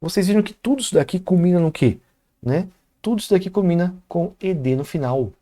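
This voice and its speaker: A man's voice: high voice, expressive, brisk, mellow. A Brazilian man with a Brazilian Portuguese accent, an English teacher explaining grammar rules in an exam-prep lesson and checking in with his students at almost every phrase. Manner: explanatory, peppers sentences with "tá?" and "né?".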